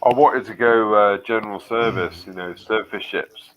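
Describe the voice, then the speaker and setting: A man's voice: lowish voice, normal speed, muffled recording. A man hosting a casual chat with friends, telling blunt stories from his own service days and swearing freely. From England. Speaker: channel host.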